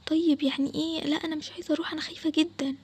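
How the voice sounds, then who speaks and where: Anxious young Egyptian girl, a woman voicing, high and quick, for a cartoon story. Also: flat delivery, darkish tone, natural voice. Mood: scared worried. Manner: worried pleading, quick. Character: frightened young girl Salma, cautious and anxious. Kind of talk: storytelling for an animated game video.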